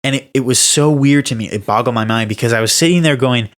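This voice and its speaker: A fast-talking young man with a mid-range voice co-hosts a podcast. Chatting casually, he tells stories with lively emphasis and plenty of laughs.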